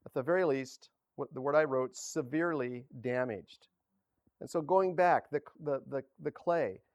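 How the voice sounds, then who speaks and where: A man preaching a casual sermon, halting and correcting himself, often chuckling. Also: medium pitch, darkish tone, dry recording. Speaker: pastor.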